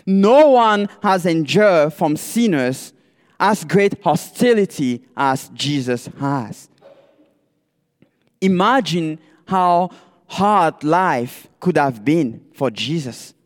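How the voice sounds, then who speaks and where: An animated male pastoral candidate gives a sermon in an unhurried, measured way, pausing for rhetorical questions aimed at the listeners. He has a notably high voice for a man, carried by the lingering reverb of a church hall.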